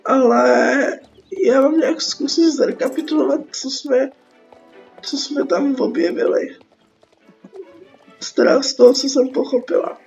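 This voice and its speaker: A young woman's high, steady, creaky voice has a darkish tone and long pauses. Host of a gaming video, she speaks with a Czech accent and a cold, commenting casually in a rambling, sarcastic, slangy manner over game music on a dull lo-fi track.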